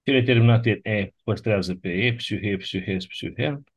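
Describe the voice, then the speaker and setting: A man teaching a class, going methodically through grammar rules and checking understanding with short tag questions. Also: lowish voice. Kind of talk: classroom lecture reviewing grammar.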